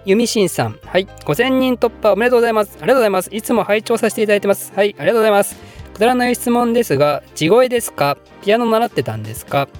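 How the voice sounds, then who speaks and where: Casting: quick-talking male host, high and very lively, voice edited a touch higher, rambling and self-deprecating, faint music behind. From Japan. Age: adult, working. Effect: voice pitched up slightly in editing. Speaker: history channel host answering viewer questions. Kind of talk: casual Q&A monologue.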